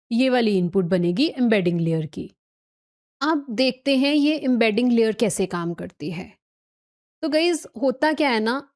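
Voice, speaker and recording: A woman's voice: on the high side, a little mellow. A woman teaching a recorded tech lecture, explaining step by step, mixing in English technical terms and often checking that listeners follow.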